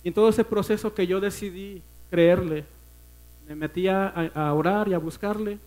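A man with a Mexican accent preaching a personal testimony at a church service, earnest and emotional, often dropping to a hush. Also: high-pitched, fairly even intonation, normal speed, low-quality recording. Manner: earnest, emotional storytelling that often sinks to a hushed voice.

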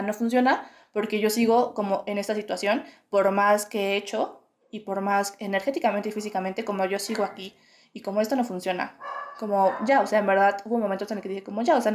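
A woman's voice: mid-range voice, a little mellow. A young woman musing in a reflective spiritual monologue, full of fillers. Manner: musing, many fillers like "o sea" and "como". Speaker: podcast host. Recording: roomy, echoey home room.

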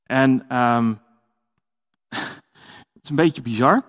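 A man's voice: medium pitch, slow, in a large hall. A man giving a conversational sermon, with many fillers and restarts. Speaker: preacher.

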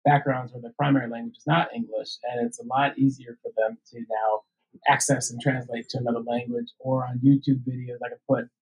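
A man's voice: mid-range voice, level tone, a little fast, husky, poor audio. A middle-aged man, a teacher and father, talking in a plain, slightly hesitant way at a family table. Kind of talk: casual family chat.

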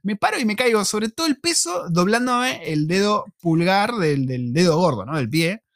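A young man from Argentina chats on a casual podcast in a Rioplatense Spanish accent. He jokes as he tells his stories, and his pitch swings a lot. The sound is dry and close to the mic. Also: normal speed, no room sound. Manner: animated, joking storyteller, frequent laughter. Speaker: podcast co-host.

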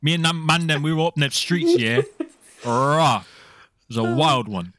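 A man's voice: on the low side, normal speed, fairly bright tone, no room sound, pitched below the performer's own voice, lightly acted. A man voicing a brash young male Liverpool lad in an exaggerated put-on Scouse accent, full of street slang. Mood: boastful.

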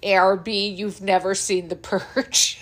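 A woman's voice: medium pitch, level tone, slow pace. Laughing, swearing podcast host woman. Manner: laughs easily, swears freely. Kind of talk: casual pop culture chat.

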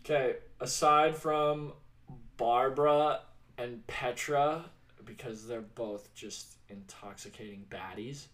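A man chatting on a podcast as a guest, telling movie trivia with an animated, drawn-out delivery. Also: mid-range voice. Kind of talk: casual movie chat.

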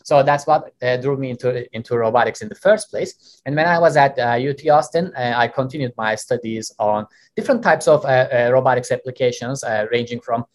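A man from Turkey whose first language is Turkish, a guest answering interview questions in a measured way with many "uh" fillers. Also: mid-range voice. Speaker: guest, company co-founder.

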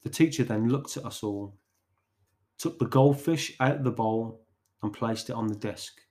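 Man slowly narrating a podcast story. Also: mid-range voice, mellow.

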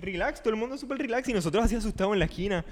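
A man, a podcast host in casual chat. His voice sits a bit high and he tells stories in an animated way, laughing often. The recording has a long, lingering reverb. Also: racing.

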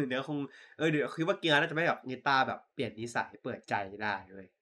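A man in casual chat about a TV show, excitable and swearing often, acting out lines from scenes. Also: medium pitch, fairly quick. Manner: excitable, swears a lot, acts out scene quotes. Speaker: podcast co-host. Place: voice chat call.

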